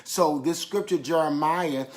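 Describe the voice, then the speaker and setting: A man with a slightly high voice preaches a sermon at a somewhat slow pace. He emphatically repeats key phrases and calls on listeners to affirm back after him.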